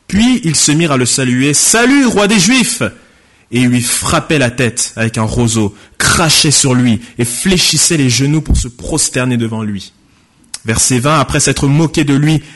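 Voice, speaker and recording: In this sermon, a medium-pitched pastor reads a Bible passage out loud, gets louder when quoting speech, and then breaks it down in a simple, conversational way.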